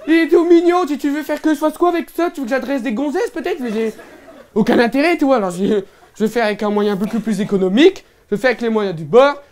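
A stand-up comedian with a Northern French ch'ti accent plays a boorish young lout in his one-man show, talking fast in a very high-pitched, darkish voice. In character he's brash, boastful, absurd and loud-mouthed, rambling in slang padded with fillers.

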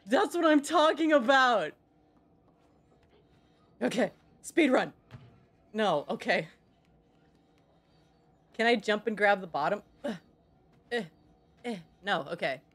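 A woman's voice: medium pitch, lively intonation, slow, pauses often. A young woman streaming a game, swearing often and bantering in exasperation with her chat. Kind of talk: casual gameplay streaming.

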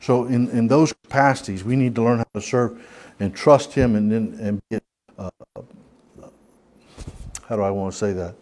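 A man with a Southern US accent leads an informal church Bible study. His voice sits at an ordinary middle pitch, and he talks in a folksy, rambling way, circling back with restarts and fillers. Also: moderate pace, long pauses, darkish tone. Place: church hall.

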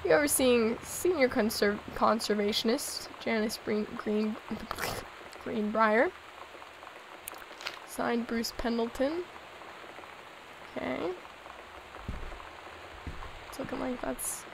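A hoarse, sick young woman hosting a let's play, chatting and giggling as she reads in-game notes aloud. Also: a little high, noisy background. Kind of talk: casual gameplay commentary.

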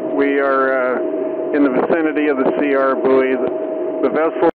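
A man calling over marine VHF radio from a pilot boat, calm and measured, repeating his questions. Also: mid-range voice. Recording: tinny marine radio with loud static.

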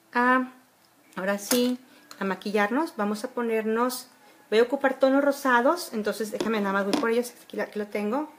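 A beauty vlogger chats casually through a makeup tutorial in her bedroom at home, her mid-range voice full of filler words and a homely feel. She's filmed on a phone camera held at arm's length, with a little hiss or hum.

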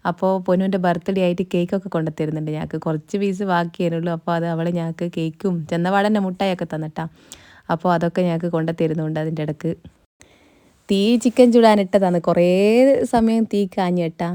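A young woman narrates her travel vlog in a chatty, easygoing way. Her voice sits a bit low and mellow. It is recorded close and dry, with no room sound. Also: fairly even intonation, quick pace, smooth, no room sound. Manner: chatty, tag words at line ends. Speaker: travel vlogger. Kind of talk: casual voice-over narration.

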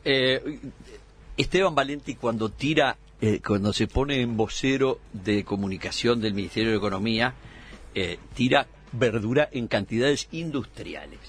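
A man's voice: mid-range voice, normal speed, a bit bright, slightly rough. A man, a debate guest making dry, combative rebuttals in a radio political debate. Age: 60s.

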